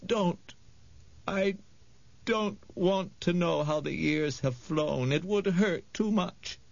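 A sorrowful ancient woman, put on by a male audiobook reader, her high voice worn thin and creaky. She speaks slowly and tenderly, as if every word costs her. The read sounds dry and a little dull. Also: no echo, exaggerated voice. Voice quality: creaky, frail. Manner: slow, tender, calling the boy "my sweet".

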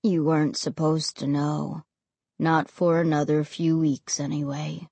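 A woman voicing a sad undead boy who speaks slowly in a low, flat tone. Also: breathy edge, no echo, exaggerated voice. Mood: grim, flat.

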